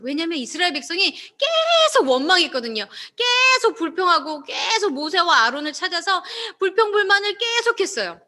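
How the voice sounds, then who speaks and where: A woman giving a devotional Bible talk, speaking expressively and putting questions to her listeners. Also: high voice. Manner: expressive, asks listeners questions, acts out quotes.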